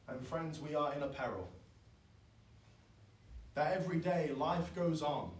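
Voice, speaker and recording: A man, preaching a sermon in an earnest, pleading way that swells loud and then drops soft. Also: fairly high pitch, lively intonation, measured pace. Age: 20s. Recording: echoey, from far off.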